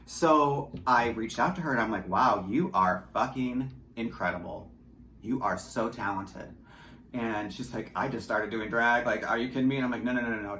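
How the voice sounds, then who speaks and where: Speaking at a medium pitch with a slightly bright quality, a man who writes and directs audio dramas chats informally in an interview about what he makes. He's chatty and self-mocking, with the occasional curse word. It's recorded indoors in a small home studio that sounds roomy and echoey, with faint background noise.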